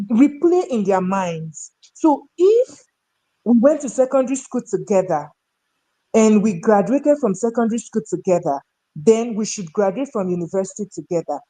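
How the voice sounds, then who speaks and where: A Nigerian woman from North Central Nigeria, working in human resources, tells stories emphatically as a talk show guest, offering opinions and rhetorical questions in the discussion. Her voice is fairly high with a warm tone, captured on a rough recording.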